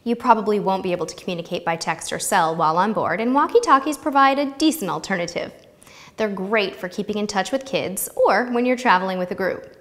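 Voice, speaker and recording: An American woman in her thirties hosts a travel tips video series, delivering scripted advice to camera in a light-hearted, playful way. Her medium-pitched, slightly bright voice moves a little fast, picked up on a lapel mic with a big-room sound.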